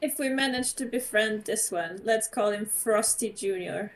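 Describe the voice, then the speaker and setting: A woman's voice: medium pitch, unhurried, a crowd in the background. A woman playing in a tabletop game, chatting casually and laughing often. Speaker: player.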